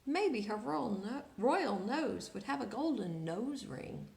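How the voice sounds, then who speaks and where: Her voice on the high side, creaky and darkish with big pitch swings, a storyteller slowly reads a picture book aloud to children. She hosts the read-aloud expressively, drawing out words and asking her listeners questions in an echoey room.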